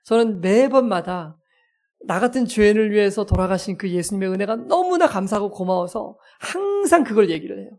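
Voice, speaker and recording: A male pastor preaching a sermon as a lively story, acting out scenes and poking fun at himself. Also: sits high, a little fast. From South Korea. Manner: lively, self-mocking storyteller who acts out scenes.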